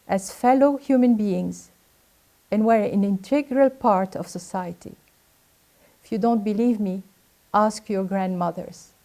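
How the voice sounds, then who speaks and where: An older woman from Lebanon speaks at a graduation, her voice set a little high and mellow in tone. She reads a formal prepared address in an earnest, exhorting way.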